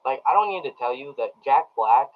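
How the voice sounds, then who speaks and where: A man chats through a loose movie review on a live stream, talking straight to his viewers and stumbling over ums and restarts. His voice sits at an ordinary middle pitch. The audio is dull and lo-fi. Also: expressive, a little fast. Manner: rambling, many ums and restarts.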